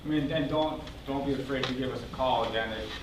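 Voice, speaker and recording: A man's voice: medium pitch, fast. A man speaking as a first responder helping teach a class, explaining things casually. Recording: echoey room, distant mic, clear noise.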